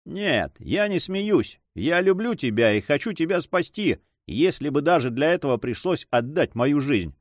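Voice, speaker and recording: Ironic young nobleman, voiced by a male narrator, bantering and lively, storybook hero. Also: on the high side, measured pace, few pauses, no room sound, studio quality. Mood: earnest. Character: teasing, carefree young nobleman, Don Sancho.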